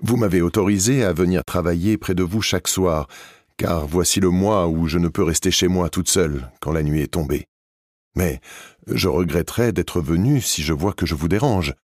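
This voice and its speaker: A man reading an audiobook, voicing an elderly deaf noblewoman in a raised, soft voice with slow, drawn-out phrasing. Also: low voice, no echo, studio quality. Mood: gentle.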